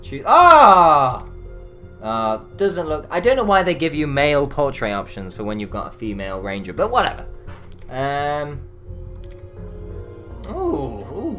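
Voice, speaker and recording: Easygoing male let's-player, slow and expressive, casual foul-mouthed commentary. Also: a little high. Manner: rambling, profane, jokey. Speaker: let's play host. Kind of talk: gameplay commentary.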